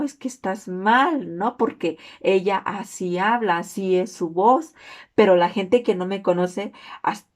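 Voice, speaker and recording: A young woman with a Mexican accent and a naturally hoarse voice, giving an earnest, informal class presentation. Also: darkish tone. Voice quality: hoarse, low-toned voice.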